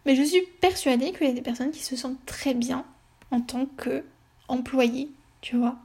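A woman's voice: high voice, fairly even intonation, moderate pace, a little mellow, husky. A woman hosting her own podcast, chatting casually and hesitantly with many fillers and restarts. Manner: rambling, hesitant, lots of fillers. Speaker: podcast host. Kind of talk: casual solo podcast chat.

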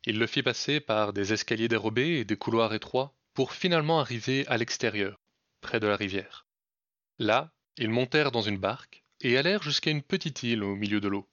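A man telling a folk tale as a podcast storyteller, in measured, dramatic narration. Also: medium pitch, a bit bright, no room sound. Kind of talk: scripted narration. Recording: dull, dry lo-fi recording.

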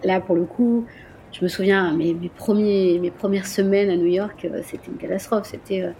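A woman from Marseille who runs a tour company, chatting in a casual interview, animated, with frequent laughs and hesitant fillers. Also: mid-range voice, normal speed, slight background noise. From Marseille, France. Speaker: guest, tour company owner.

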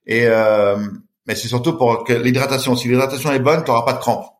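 This podcast guest is a middle-aged long-distance swimmer whose medium-pitched voice moves a little fast. He tells his story with energy, imitating the voices of the people involved.

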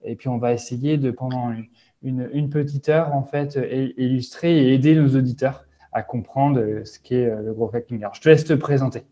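A man's voice: mid-range voice, steady tone, normal speed, mellow, highs cut off. A man hosting a podcast interview, talking with many hesitations and fillers. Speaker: podcast host.

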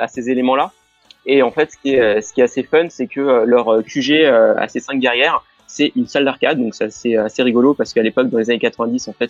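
A man's voice: medium pitch, dry recording, highs cut off. A man talking casually on a show, hesitant and full of fillers. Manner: hesitant, many fillers and restarts. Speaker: guest on a show. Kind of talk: casual radio show chat.

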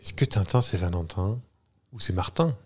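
Male podcast co-host, teasing dry quips, very lively up-and-down pitch. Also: moderate pace, breathy edge. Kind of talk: casual chat.

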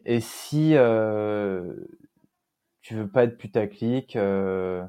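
A man's voice: lowish voice, extremely slow, clear, resonant tone. A man in his twenties, a podcast guest, chatting casually and joking with the host. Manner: relaxed, joking, many fillers. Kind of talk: casual interview chat.

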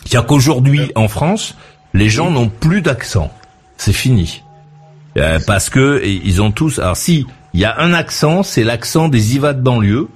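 A man's voice: mid-range voice, sing-song, unhurried, slightly rough, soft background music. A man hosting a late-night call-in radio show, rambling and hesitant, with many fillers and repeated words. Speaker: radio host.

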